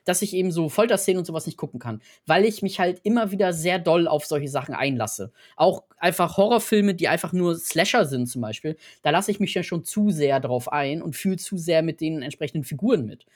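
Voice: medium pitch, expressive, brisk, few pauses. Thoughtful podcast co-host. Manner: hesitant, thoughtful, searches for words. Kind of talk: casual film chat.

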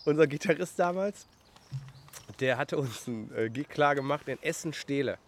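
A man's voice: fairly high pitch, normal speed, a little hiss or hum. Rambling man telling stories. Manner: rambling storyteller with many fillers and "ne?". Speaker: guest, food truck and restaurant owner. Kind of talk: casual anecdote.

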